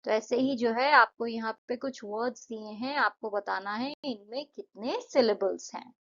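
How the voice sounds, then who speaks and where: A woman teacher with an Indian English accent, walking students through English exercises in Hindi and English, slowly stretching out words to show their syllables. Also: fairly high pitch, fairly bright tone, muffled recording.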